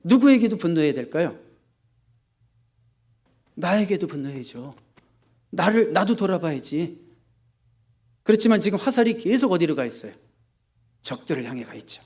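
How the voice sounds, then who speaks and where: A man's voice: on the high side, very animated, moderate pace, long pauses, a little mellow. Emphatic man preaching a sermon. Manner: asks the congregation questions and answers them himself; emphatic, often rising sharply for stress. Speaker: pastor. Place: church sanctuary.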